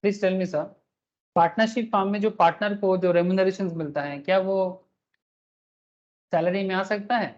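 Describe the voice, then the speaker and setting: An online tax lesson is led by a man who laughs at his own sketches, says "sir" to his students, and uses English terms along the way. High-pitched and pausing often at a moderate pace, he comes through audio with cut-off highs.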